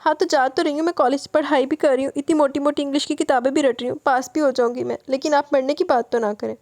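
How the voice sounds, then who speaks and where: A woman's voice: a little high, mellow, no room sound, lightly acted. A woman voicing an innocent young bride in an audiobook novel, earnest and pleading as she answers her husband. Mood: tearful pleading.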